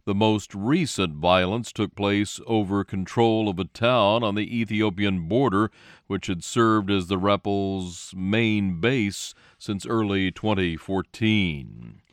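A man's voice: fairly low pitch, slow pace, no room sound, studio quality. A man reading scripted radio news as the anchor.

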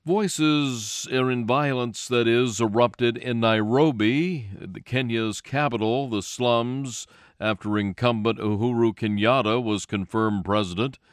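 A man's voice: medium pitch, unhurried, clean tone, no room sound, clean studio sound. A man reading scripted radio news as the anchor.

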